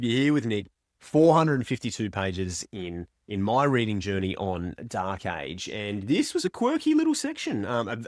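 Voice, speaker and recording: Guy, lowish voice, chatty book-vlog rambling, dry close mic. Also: no room sound. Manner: chatty, rambling, self-correcting, animated pitch jumps. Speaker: book reviewer. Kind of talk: casual reading-reaction vlog.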